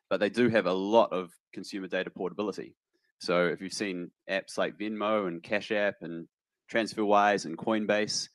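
A man speaking as a panelist on a conference stage, explaining in a measured, precise way into a handheld mic. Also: low-pitched, fairly bright tone, no room sound. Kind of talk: panel discussion.

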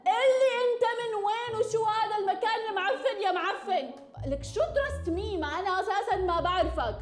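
A woman with a Levantine Arabic accent giving excited, jokey gameplay commentary, full of gasps and shrieks. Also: very high-pitched, brisk, roomy sound. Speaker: gaming YouTuber.

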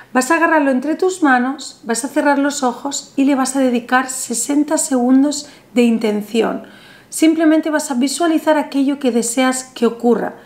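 A spiritual channel host in her 30s, seated at a table in a small bright room, gives a soothing how-to on a money ritual straight to the camera in front of her. She has a high voice and addresses the viewer directly, calm and instructive.

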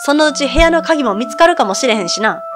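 A woman's voice: high-pitched, animated, fast talker, over music. A woman voicing a brusque, stingy middle-aged man who owns a lodge, speaking blunt Kansai dialect in a video game reading. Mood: gruff.

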